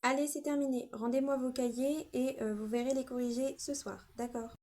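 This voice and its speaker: A woman voicing a kind but firm female schoolteacher in a toy play-acting story, brisk and directive. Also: high-pitched, fairly even intonation, close to an everyday voice.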